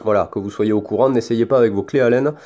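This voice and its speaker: A man's voice: lowish voice, quick pace, warm tone. A man with a Toulouse accent casually showing and explaining a hobby item, hesitant with many fillers and restarts. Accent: Toulouse French. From France. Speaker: hobbyist showing his lightsaber. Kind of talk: casual show-and-tell.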